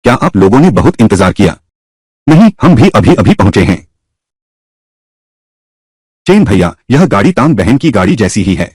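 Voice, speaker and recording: A man dubs a whole drama alone, voicing each role in turn. His voice is husky and his pitch swings widely between characters. The recording is dry and close. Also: sing-song, moderate pace, pauses often, darkish tone, dry recording. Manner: voices every character himself with shifting pitch. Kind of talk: single-voice dub of a drama.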